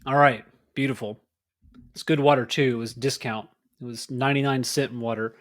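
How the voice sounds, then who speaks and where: A man's voice: mid-range voice, fairly even intonation, moderate pace, a bit bright, no echo, studio quality. Rambling man hosting a solo podcast. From Texas. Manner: rambling, conversational, many fillers and restarts. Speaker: podcast host. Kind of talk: casual solo political talk.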